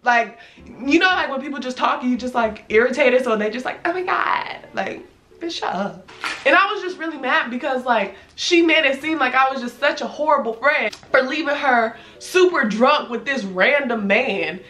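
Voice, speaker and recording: A woman in her twenties from the United States, telling a storytime vlog in animated, slangy casual talk. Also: normal speed, slight background noise. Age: 20s. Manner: animated storytelling, acts out quotes in a loud high voice. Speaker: vlogger. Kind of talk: storytime chat.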